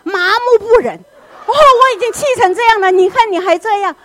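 Shrill nagging mom, loud and high, as a woman puts her on, dry sound. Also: lively intonation, no echo. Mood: furious. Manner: shrill, nagging, rapid-fire questions. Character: scolding furious middle-aged mother.

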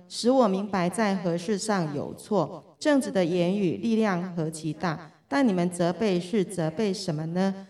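Woman reading scripture with a mellow voice. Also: medium pitch, distant mic. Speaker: scripture reader.

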